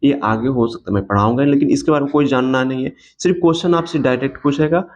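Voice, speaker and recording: A man's voice: mid-range voice, fast talker. A man teaching an exam coaching lecture, who repeats key points and asks and answers his own questions. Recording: dull lo-fi sound.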